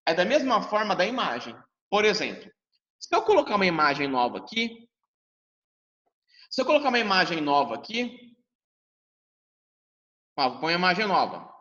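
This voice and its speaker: Brazilian man, high lively voice, teaching a class, dull echoing sound. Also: moderate pace, pauses often. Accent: Brazilian Portuguese. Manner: talks to students, voices their questions. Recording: dull sound with long reverb.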